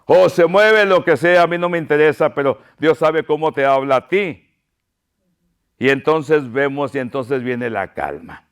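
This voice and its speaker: A male pastor delivers a fervent sermon. His voice sits high and sounds smooth and clear. He speaks slowly, pleading and repeating himself for emphasis.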